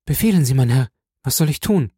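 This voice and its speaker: A gentle, frightened young noblewoman, voiced by a man reading an audiobook, pleading with a soft, breathy tremble. Her tone stays warm and mellow, never sharp. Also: medium pitch, expressive, fairly quick, dry recording, clean studio sound, voice pushed up. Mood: anxious pleading.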